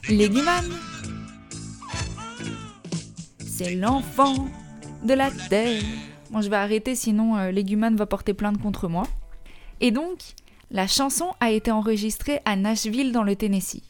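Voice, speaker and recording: A woman's voice: mid-range voice, moderate pace, a little mellow. A woman with a Belgian French accent hosting a music-history podcast, reading a script and adding chatty, joking asides. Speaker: podcast host.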